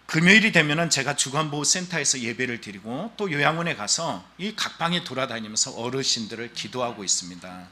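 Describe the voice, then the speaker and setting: A man's voice: mid-range voice, fairly quick, hardly any pauses. A male pastor preaching a Sunday sermon, telling stories and acting out the voices of the people in them. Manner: animated storytelling preaching, acting out quoted voices.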